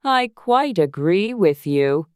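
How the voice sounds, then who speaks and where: A woman voicing a pompous, moralizing, over-familiar Duchess with a drawn-out delivery in a dramatized storybook. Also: lowish voice, very animated, clean tone, no room sound, clean studio sound, voice pushed up. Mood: pleased, pompous.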